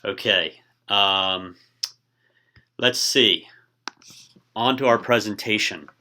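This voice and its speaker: A man teaching a recorded class in a relaxed way, often pausing with ums and uhs. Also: lowish voice. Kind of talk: casual classroom lecture.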